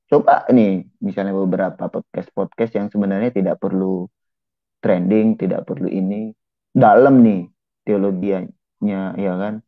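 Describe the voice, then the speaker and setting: Pria bernada agak rendah terdengar lewat saluran telepon yang sempit dan kering. Ia berbicara santai dan tersendat dengan banyak kata pengisi sambil berbagi pendapat dalam diskusi daring. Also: male voice, low voice, steady tone, a little slow, no echo. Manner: hesitant, many fillers and restarts. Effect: heard over a phone line. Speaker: participant in an online group discussion. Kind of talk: casual opinion sharing. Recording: dry, tinny phone-line sound.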